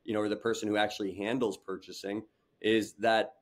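A young man, a startup founder, speaks earnestly in a video call interview from a home room with a large window. His voice is on the low side, with flat delivery and a brisk pace, and his speech is full of fillers and restarts.

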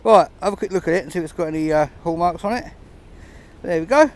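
A man's voice: high voice, fast talker. Chatty man narrating outdoors on a beach. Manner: chatty, understated, chuckles between finds. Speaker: metal detecting vlogger. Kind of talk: casual running commentary while detecting. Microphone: camera held close, filming his hands.

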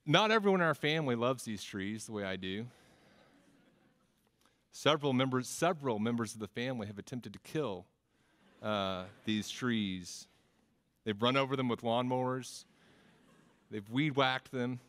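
A male pastor of middle pitch gives a conversational sermon, often repeating words as he gathers his thoughts. He mixes teaching with self-deprecating humor. His voice carries a long reverb from the church sanctuary. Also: expressive, normal speed, long pauses, a bit bright.

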